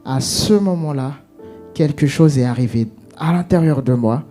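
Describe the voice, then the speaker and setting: A man giving an emotional personal testimony, halting with many restarts and fillers, acting out what was said. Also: on the high side, warm tone, soft background music.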